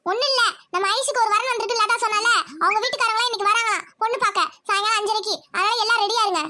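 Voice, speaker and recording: A woman voicing several characters in a family cartoon comedy, talking fast. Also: very high-pitched, steady tone, bright, forceful tone, no room sound, studio quality.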